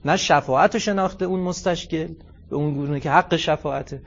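A middle-aged man delivers a religious lecture, his voice pitched a touch high. He shifts between hushed asides and loud, stressed phrases. The recording sounds dull and muffled. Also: gravelly. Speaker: cleric lecturer.

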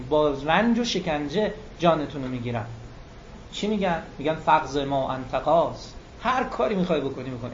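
A man preaching a religious lecture in an animated way, drawing out words for emphasis. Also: on the high side. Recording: muffled lo-fi recording with faint room noise.

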